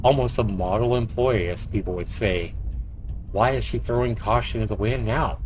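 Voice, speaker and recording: A game-playing livestreamer narrates a visual novel in storyteller fashion, adding brief asides along the way. He speaks low at a moderate pace in a rough recording with a little hiss or hum, faint game music in the background.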